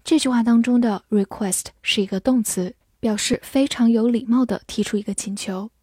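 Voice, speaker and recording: A woman whose first language is Chinese teaches English vocabulary in a scripted lesson, spelling each word letter by letter and reading the example sentences slowly. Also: fairly high pitch, darkish tone, breathy edge, no echo, studio quality.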